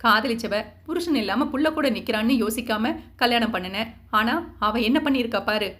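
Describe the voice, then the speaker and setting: A woman voicing a furious, grieving middle-aged mother who scolds loudly. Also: fairly high pitch, moderate pace, lightly acted. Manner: scolding, shouting.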